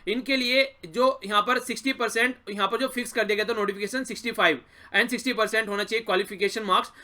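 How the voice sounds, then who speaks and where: A man's voice: high-pitched, pushed and bright. A young man teaching a current affairs lesson for exam preparation, chatty and encouraging, speaking directly to his viewers. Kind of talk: exam-prep news lesson.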